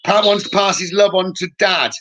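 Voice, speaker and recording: A man's voice: high voice, normal speed, fairly bright tone, muffled recording. A man working as a medium on a live stream, calling out short, repeated questions and instructions to spirits and viewers.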